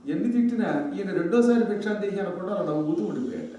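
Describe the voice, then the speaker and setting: A man giving a religious storytelling sermon into a microphone, lively and full of humorous asides. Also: high voice, very fast, highs cut off, slight background noise. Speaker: religious discourse speaker. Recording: very echoey hall, distant mic.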